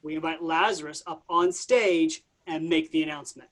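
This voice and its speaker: An actor playing a laid-back, vain Jesus who talks like a slangy bro in a staged comedy reading. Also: male voice, on the high side, steady tone, normal speed, a bit bright, natural voice. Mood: breezy. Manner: casual slangy dude speech. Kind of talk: staged reading of a comic play.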